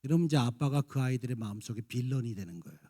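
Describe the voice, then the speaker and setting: A man's voice: mid-range voice, lively intonation, racing, slightly rough. A man in his fifties preaching a sermon, acting out scolding and tender lines in turn. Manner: acts out parents' and children's lines, jumping between shouts and soft coaxing. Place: church sanctuary.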